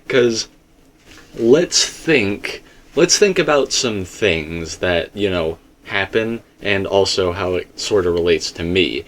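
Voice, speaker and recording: Slow and expressive, a man with a deep voice walks through a fan theory as a video commentator and theorist. His manner is casual, emphatic and rambling, full of asides and quotes of himself.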